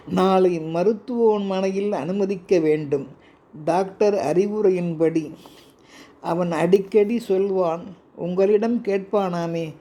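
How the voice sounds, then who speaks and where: A man's voice: high voice, dark tone. An older man voicing a worried, tearful young mother in a spoken story.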